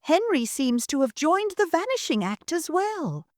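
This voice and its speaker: A woman's voice: high-pitched, very animated, a little slow, dry recording, studio quality, voice pushed up. A woman voicing a haughty, bossy social-climbing lady of the house who snaps out orders. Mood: haughty, snappish. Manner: snappish, bossy, prim.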